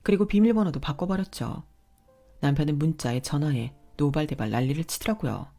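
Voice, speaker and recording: A woman's voice: deep voice, a little fast, mellow, faint music behind. A woman narrating a first-person story in an aggrieved, firm, emotional way, acting out her own side of the quarrels.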